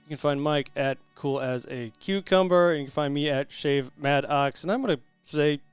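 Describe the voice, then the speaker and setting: A man's voice: fairly high pitch, moderate pace, clear, resonant tone, no echo, soft background music. A man hosting a casual podcast, laughing often and talking loosely with restarts. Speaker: podcast host.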